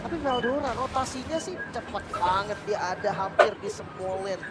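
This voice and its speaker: A man's voice: high voice, moderate pace. A man with an Indonesian accent giving conversational, analytical colour commentary on a live esports match. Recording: loud crowd and arena noise behind. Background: loud crowd and event noise.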